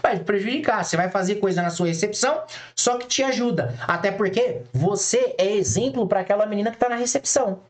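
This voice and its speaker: A man's voice: sits high, fairly quick, hardly any pauses. A man teaching eyebrow designers in a casual online class, chatty, blunt and familiar with his listeners, often acting out conversations with clients. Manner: chatty, acts out client dialogues in quoted voices.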